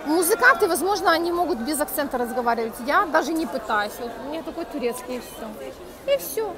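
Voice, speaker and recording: Her voice is high, expressive and quick. This Russian-speaking woman vlogs from a bustling outdoor market, haggling in accented Turkish and chatting with viewers, recorded through a phone camera with an earphone mic.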